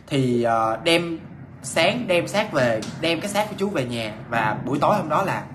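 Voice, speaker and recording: A man's voice: fairly high pitch, big pitch swings, normal speed, background noise. A man telling a ghost story in a casual, chatty way, repeating himself with many fillers and restarts.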